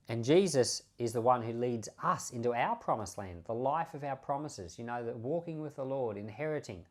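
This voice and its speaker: This pastor and podcast host has a medium-pitched, darkish voice. His Bible commentary is casual and chatty, and he drives home important words by saying them again.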